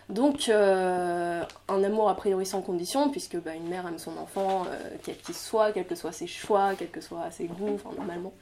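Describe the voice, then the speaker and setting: A woman lecturing to a class, working through each point out loud. She hesitates often, fills pauses and restarts her sentences, and her voice sits at an ordinary middle pitch for a woman. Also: a little hiss or hum. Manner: thinking aloud with many fillers and restarts; explanatory, laughs lightly at own remarks. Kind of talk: lecture on Quranic mysticism.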